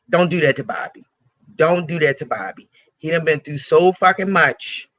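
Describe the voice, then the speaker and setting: A male radio host delivers a blunt, profane rant of celebrity commentary. He sits a little high for a man and pushes hard with a bright, forceful tone. The lo-fi recording is dull and very dry. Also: no room sound. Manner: blunt, profane and heated, with repeated phrases.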